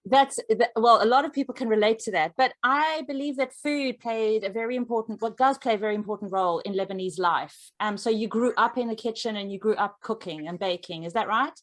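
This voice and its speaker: A woman's voice: a little high, a little fast, few pauses. A woman hosting an interview, friendly, asking questions with frequent fillers.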